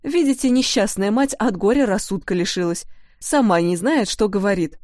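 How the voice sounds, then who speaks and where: A woman voicing a flustered hushing cook. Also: medium pitch, no room sound, studio quality, natural voice. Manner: hurried, hushing. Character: anxious, hushing female cook.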